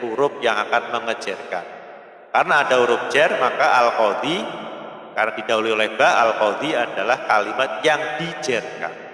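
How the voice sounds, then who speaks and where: A man's voice: medium pitch, sharp tone. A man teaching an Arabic grammar lesson, patiently explaining and repeating his points, reading Arabic text and glossing it. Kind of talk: pesantren kitab lesson. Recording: echoey hall with long reverb.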